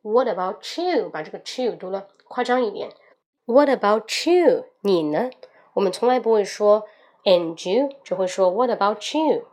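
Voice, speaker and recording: A woman teaching English as a host, repeating English phrases slowly with emphasis and explaining them in Mandarin. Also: medium pitch, darkish tone. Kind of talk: audio English lesson.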